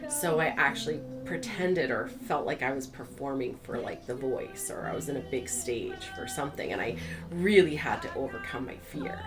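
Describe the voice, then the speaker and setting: A low-pitched woman hosts a vlog, telling personal stories in a casual, animated manner and acting out snippets of dialogue along the way.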